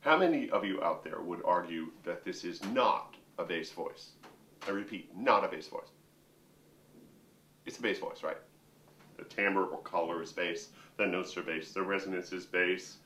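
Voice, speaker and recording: With a little hiss or hum in the roomy, distantly miked audio, a middle-aged opera singer and vocal coach gives a chatty, joking lesson to camera from a piano room. His low voice is fairly bright with lively intonation and a slightly slow pace.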